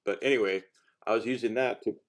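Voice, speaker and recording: A man with a lowish voice and a steady tone talks quickly in a casual how-to, showing off homemade gear as a hobbyist. He rambles and hesitates, often breaking off mid-thought to start again.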